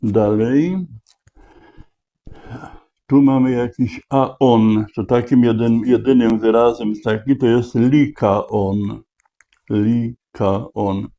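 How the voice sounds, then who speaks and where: Slow, deliberate man solving a crossword. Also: mid-range voice, warm tone. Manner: slow, deliberate, spelling out letters. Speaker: crossword solver. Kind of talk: thinking aloud while solving a crossword. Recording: dull lo-fi recording.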